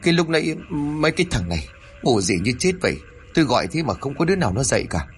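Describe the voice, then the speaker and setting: A man voicing a stern, uneasy middle-aged husband who gruffly reassures his wife in a spoken horror story. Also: deep voice, expressive, fairly quick, slight background noise.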